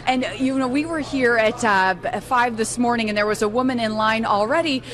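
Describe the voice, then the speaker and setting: A woman's voice: on the high side, moderate pace, a bit bright. A woman field reporter doing a live, conversational news report on location. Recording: busy crowd chatter behind. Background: busy crowd.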